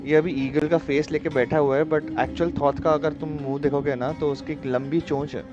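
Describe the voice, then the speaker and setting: A man's voice: a little high, fairly even intonation, racing. A man, chatting casually and teasing the characters while streaming a game. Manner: chatty, teasing, switches into Hindi. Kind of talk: casual commentary on gameplay. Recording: dull audio under loud game music.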